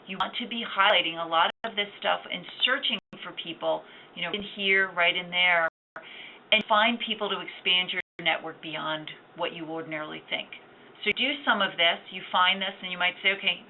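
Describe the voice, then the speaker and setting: A woman giving a conversational, upbeat training talk on networking, explaining with examples. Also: medium pitch. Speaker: workshop presenter. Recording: tinny lo-fi recording with faint noise.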